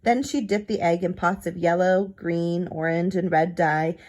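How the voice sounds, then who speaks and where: A woman with a lowish, darkish voice reads a children's picture book aloud in a steady, unhurried tone. She drops in casual asides that explain things to her young listeners.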